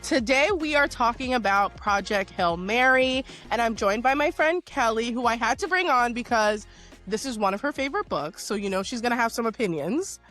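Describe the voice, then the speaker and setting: A woman hosting a casual podcast chat, a bit hoarse, talking in a chatty, upbeat way with lots of fillers. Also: on the high side, expressive, normal speed, a bit bright, faint music behind. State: hoarse, under the weather. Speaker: podcast host.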